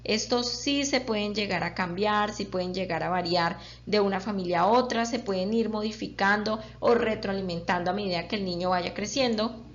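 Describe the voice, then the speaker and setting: A woman calmly explaining parenting, pausing often with filler sounds. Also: medium pitch, muffled recording. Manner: calm, explanatory, with frequent "eh" fillers. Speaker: parenting educator. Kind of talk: informative talk on parenting.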